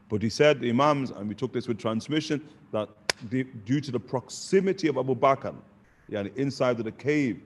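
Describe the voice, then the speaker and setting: A man, teaching in a relaxed question-and-answer lesson and dropping Arabic phrases between points. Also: mid-range voice. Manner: conversational, sprinkles Arabic phrases, asks "you get the point?". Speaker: religious teacher.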